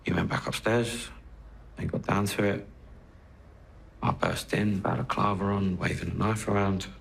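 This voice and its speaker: Drug dealer, very deep, gravelly, guarded, faint music under. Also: male voice, steady tone, measured pace, heavily acted. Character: gruff young male drug dealer suspect in interrogation. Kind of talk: TV crime drama acting.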